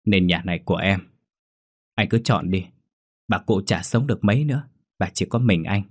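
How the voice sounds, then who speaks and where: A man voicing a flustered young village daughter-in-law in a storybook reading, speaking in his own low voice. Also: normal speed, slightly rough, dry recording, clean studio sound. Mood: earnest. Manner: pleading, flustered.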